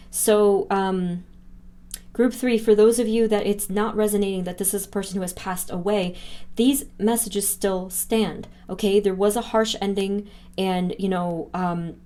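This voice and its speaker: A woman reading tarot cards for her viewers in an earnest, heartfelt way. She talks at an average pitch, breaks into exclamations of wonder, and fills her talk with soft fillers as she interprets each card. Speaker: tarot reader.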